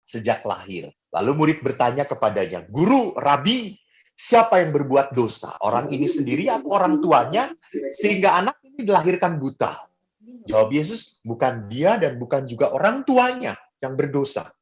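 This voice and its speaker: Middle-aged male priest, homily, jokey storyteller, voice swings up and down a lot. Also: on the high side. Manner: animated, jokey storytelling with fillers. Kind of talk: homily with personal stories.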